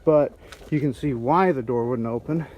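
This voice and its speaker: A man in a garage narrating his car restoration in a casual, halting way, his voice muffled by a respirator mask. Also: medium pitch, darkish tone. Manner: halting, many fillers while working. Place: auto body garage.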